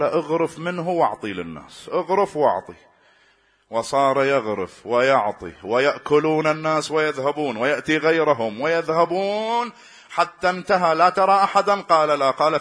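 Man, preacher, fervent sermon, repeats phrases, rising cries, fairly high voice. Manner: impassioned, swells to loud cries, repeats phrases rhythmically. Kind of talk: impassioned religious sermon with storytelling.

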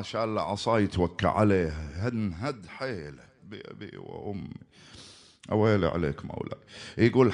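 A man, preaching a mourning sermon and telling a story with passion and cries of lament. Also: fairly low pitch.

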